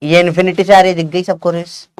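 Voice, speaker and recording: A man's voice: high voice, flat delivery, brisk, smooth. A man teaching a casual lesson, chatty and joking, often checking whether his students follow.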